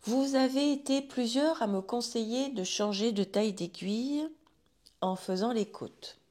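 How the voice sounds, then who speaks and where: A woman's voice: a little high, measured pace, darkish tone. A woman talking casually to her viewers about knitting, chatty and rambling, with frequent restarts. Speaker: knitting vlogger.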